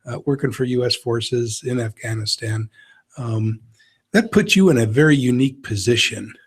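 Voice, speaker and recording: Husky older male radio host. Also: mid-range voice. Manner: measured, attentive questioning. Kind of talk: radio interview. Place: small radio studio. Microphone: desk microphone.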